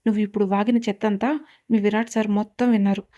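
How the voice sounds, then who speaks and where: A woman voicing a timid young female student and new bride who speaks softly and hesitantly in a storybook reading. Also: medium pitch, level tone, quick pace, lightly acted. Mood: fed up. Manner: soft, hesitant, embarrassed.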